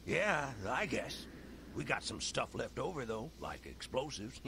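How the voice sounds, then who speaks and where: Creaky, excitable crazy old hermit miner. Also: male voice, medium pitch, a little slow, full character voice. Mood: matter-of-fact, rustic. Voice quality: creaky, cracked old-man voice. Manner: folksy, rustic speech. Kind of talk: video game character acting. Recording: game audio with background noise.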